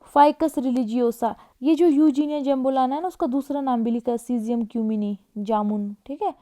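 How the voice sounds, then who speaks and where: A woman teaching an exam-prep lecture in a casual way, often checking in with her class and reading plant names slowly. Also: high-pitched, warm tone. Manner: casual, repeats "ठीक है", reads Latin names slowly.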